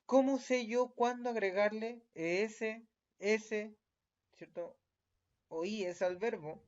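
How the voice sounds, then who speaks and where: A man's voice: high voice, takes it slowly. A man with a Chilean accent teaching a recorded lesson, patient and checking in with the listener after almost every point. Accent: Chilean Spanish. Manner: patient, checks in often with tag questions. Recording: dull lo-fi recording.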